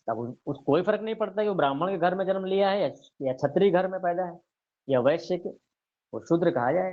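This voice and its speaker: A man teaching a scripture lesson, reciting verses slowly and putting rhetorical questions to his listeners. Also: on the high side, muffled recording. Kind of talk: explanatory religious lecture.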